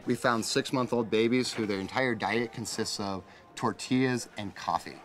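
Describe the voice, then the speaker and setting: A man's voice: on the low side, moderate pace, fairly bright tone. A man from North Dakota who runs a children's care center, answering interview questions in a plain, matter-of-fact way. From North Dakota, United States.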